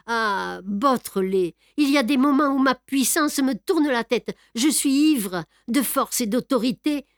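A woman reading aloud and voicing a proud, boastful male gentleman thief in a storybook. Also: high voice, measured pace, no room sound, clean studio sound, pitched above the performer's own voice. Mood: grandiose. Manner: grandiose, boastful, then hushed and tender. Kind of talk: audiobook reading.

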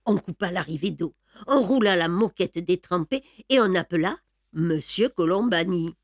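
A woman reading an audiobook in a measured, wry storytelling manner. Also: lowish voice, lively intonation, no room sound, studio quality. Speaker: audiobook narrator. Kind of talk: scripted audiobook narration.

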